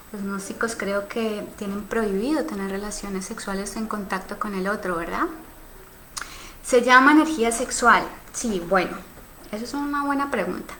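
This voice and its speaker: Speaking in a bright, forceful, medium-pitched voice, a Colombian woman from Cali in her thirties responds to viewers on her casual sexuality live stream. She thinks aloud reflectively, leaning on fillers and tag questions, over a low-quality recording with a little background noise.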